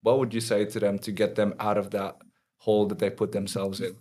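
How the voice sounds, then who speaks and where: A man's voice: lowish voice, level tone, brisk, mellow. An Australian man co-hosting a podcast, steering the talk with questions. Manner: prompting, question-asking. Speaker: podcast co-host. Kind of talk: casual podcast chat.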